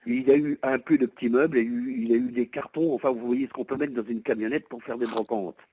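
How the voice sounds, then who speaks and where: The recording is low quality, taken over the telephone with no room sound. A man with a medium-pitched, mellow voice and fairly even intonation talks quickly. He's at home trying to sell his used van, hesitant, wordy and polite as he explains.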